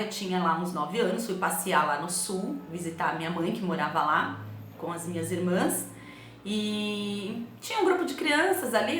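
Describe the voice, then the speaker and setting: A middle-aged woman with a São Paulo accent, teaching a remote class and telling stories in a lively way, often asking "né?". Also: mid-range voice, a little hiss or hum. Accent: São Paulo Portuguese. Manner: storytelling, animated, asks the class "né?". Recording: echoey room.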